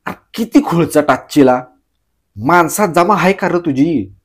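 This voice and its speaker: A man voicing a shrewd elderly village headman who scolds loudly in rustic speech. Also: on the high side, expressive, breathy edge, voice pushed up. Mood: mocking. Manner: loud rustic scolding, drawn-out rebukes.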